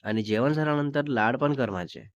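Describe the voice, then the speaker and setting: A man's voice: mid-range voice, normal speed, no room sound, close to an everyday voice. A man voicing a sulky young woman, a girlfriend who complains tearfully and makes demands in a petulant way. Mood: demanding. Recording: dull lo-fi dry recording.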